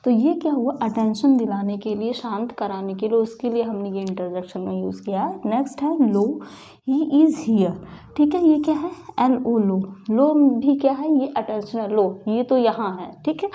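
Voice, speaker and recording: A woman's voice: fairly high pitch, normal speed, mellow. A woman with an Indian accent teaching a grammar lesson, explaining each example and asking and answering her own questions.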